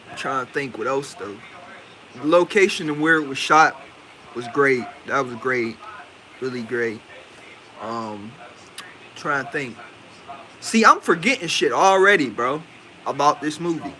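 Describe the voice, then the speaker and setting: Bright-voiced Indian-accented man rambling casually. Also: mid-range voice, slight background noise. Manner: rambling, slangy, thinking aloud with many fillers. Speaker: movie reviewer. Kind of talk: casual spoken movie review.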